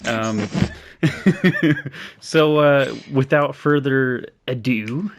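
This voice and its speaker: Young man, podcast host, casual chat, frequent laughs, filler words, mid pitch. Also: drawn-out words. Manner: laughs often, many fillers.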